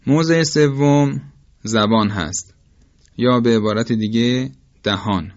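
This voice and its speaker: Careful man teaching pronunciation, lo-fi sound. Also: fairly low pitch. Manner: slow, careful, demonstrates each sound aloud; formal and polite toward listeners. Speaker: Quran recitation teacher. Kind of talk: instructional lecture on tajweed.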